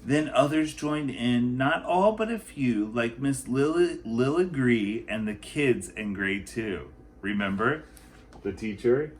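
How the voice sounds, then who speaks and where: Reading to kids from a picture book, a man who works as a teacher uses a lively, storytelling delivery. His pitch is medium and his pace slow, and there's a bit of hiss or hum in the recording.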